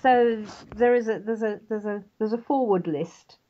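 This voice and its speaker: A woman's voice: fairly high pitch, normal speed, a little hiss or hum. An older woman from England, an author guest, chatting animatedly in an interview and often laughing. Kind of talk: casual interview chat. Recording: dull lo-fi internet radio audio.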